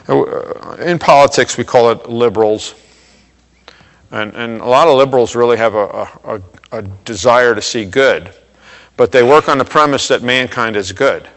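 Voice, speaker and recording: A male pastor delivering a sermon in a conversational way, checking in with "okay?" and getting louder and higher for emphasis. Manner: rises in pitch and volume for emphasis. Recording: long reverb of a hall.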